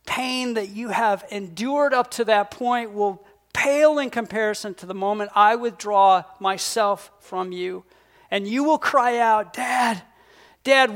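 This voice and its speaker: A man's voice: high-pitched, a bit bright. A man voicing God the Father, speaking to his son in an earnest, intense way in a sermon. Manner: earnest, intense, pleading to press on. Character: God the Father, solemn, fatherly, commanding male deity.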